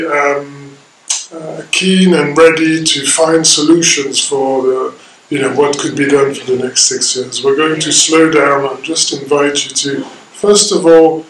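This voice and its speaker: A middle-aged French man, a facilitator, speaking haltingly with many ums in a recorded video message. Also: fairly high pitch, slight background noise. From France. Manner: hesitant, many ums and restarts. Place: sitting room with plant and map, indoors. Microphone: far camera. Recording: roomy audio from a distant camera.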